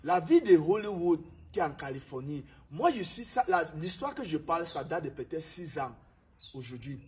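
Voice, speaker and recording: Husky Cameroonian man, lively and high. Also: moderate pace. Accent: Cameroonian French. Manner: preachy, emphatic, repeats himself. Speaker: restaurant manager. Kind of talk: motivational storytelling.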